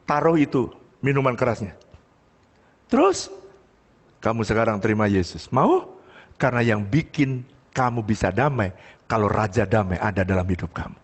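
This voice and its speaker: A man's voice: on the low side, brisk, long reverb tail. A middle-aged man preaching a sermon, telling a story and acting out the voices of the people in it. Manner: animated, acts out quoted voices, addresses congregation as brothers and sisters. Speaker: pastor.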